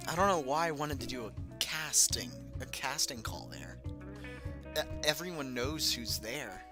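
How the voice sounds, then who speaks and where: Over music, a young man does a casual read-through of his own childhood book, pausing for rambling, self-deprecating commentary. He speaks at a measured pace in a medium-pitched voice with lively intonation.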